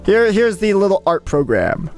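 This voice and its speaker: A streamer chatting casually with viewers, rambling and excitable, full of fillers and swearing. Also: medium pitch, moderate pace, soft background music. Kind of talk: casual live-stream chat.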